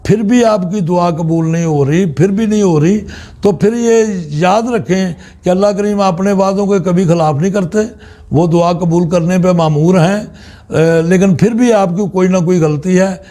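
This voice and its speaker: A man with a Pakistani accent gives a religious teaching talk as a spiritual guide. His voice is high-pitched and mellow, and he speaks in deliberate, halting phrases with pauses.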